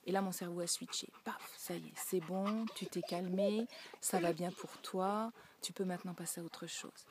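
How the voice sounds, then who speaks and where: A woman casually telling a personal story, pausing often and dropping into quiet whispered asides. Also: lowish voice, steady tone, slight background noise. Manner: hesitant, many filler pauses. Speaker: parenting vlogger.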